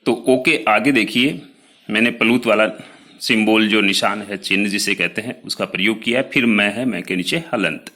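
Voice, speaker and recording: A man teaching a lesson, explaining slowly, sounding out each letter one by one and talking straight to his students about his written notes. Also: lowish voice, pushed and bright. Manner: addresses students directly, pointing to written notes. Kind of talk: classroom lecture.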